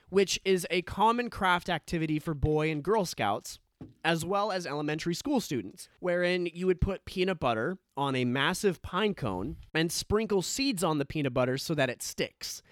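A man's voice: high-pitched, expressive, moderate pace, no echo, clean studio sound. A man co-hosting a podcast in casual chat, explaining things and thinking aloud with restarts. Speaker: podcast co-host.

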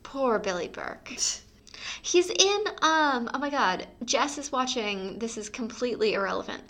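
A woman's voice: fairly high pitch, animated, moderate pace, sharp tone. A woman co-hosting a casual book podcast, talking in an informal, opinionated, conversational way. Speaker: podcast co-host.

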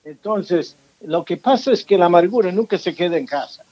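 A man with a slightly higher voice speaks in an interview, stopping often on fillers and restarting his phrases. The sound is dull and lo-fi. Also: lively intonation, normal speed. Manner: hesitant, many fillers and restarts. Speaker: author and pastor guest. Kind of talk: interview conversation.

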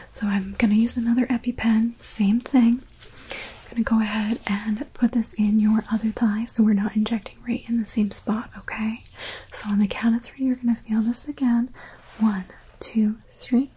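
A young woman whispering softly and reassuringly, in a whispered medical roleplay as a paramedic. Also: fairly high pitch, slight background noise, low-quality recording.

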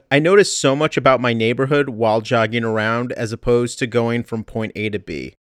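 A man's voice: mid-range voice, moderate pace, no room sound. A man recording a casual podcast update from under a blanket, chatty and self-deprecating. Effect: recorded under a blanket, muffled and dry. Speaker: podcast host. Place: under a blanket at home during a heat wave.

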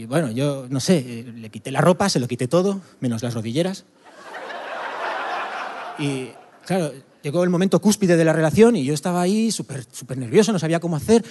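A man's voice: mid-range voice, darkish tone, big-room sound, a little hiss or hum. Punchy Spanish stand-up comedian man. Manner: punchy, chatty, quick asides. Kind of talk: stand-up monologue.

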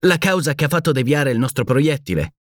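A man voicing an excitable adult male companion in an audiobook, exclaiming and questioning. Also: medium pitch, fairly quick, dry recording, studio quality, pitched above the performer's own voice, close to an everyday voice. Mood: alarmed.

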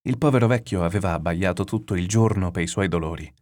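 Low-voiced man reading a novel aloud. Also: fast. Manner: steady, descriptive storytelling. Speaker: narrator. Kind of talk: literary read-aloud narration.

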